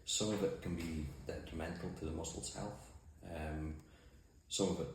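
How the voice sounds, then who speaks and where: Very deep-voiced Shetland man in an echoey room. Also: steady tone, normal speed. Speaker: mussel farmer and boat skipper. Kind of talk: interview answers. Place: indoors in an office. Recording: very echoey room, faint noise.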